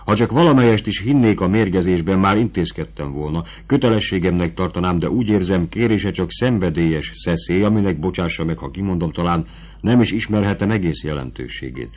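A man's voice: low voice, a little mellow. A man reading the part of a passionate, anxious young prince in an audiobook, in an earnest, pleading manner.

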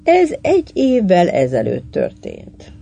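A narrator reading a literary short story aloud in a measured, unhurried way. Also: mid-range voice, huge pitch swings, creaky, mellow.

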